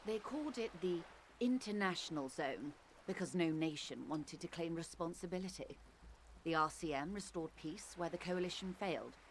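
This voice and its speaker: A woman voicing a poised, worldly negotiator who speaks smoothly and articulately with gentle irony. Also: on the low side, lively intonation, moderate pace, slight background noise. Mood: explanatory.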